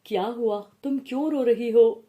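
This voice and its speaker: A woman voicing a young husband in an animated story, mild and weary, speaking gently and pleadingly. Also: on the high side, moderate pace, narrow, tinny audio, lightly acted.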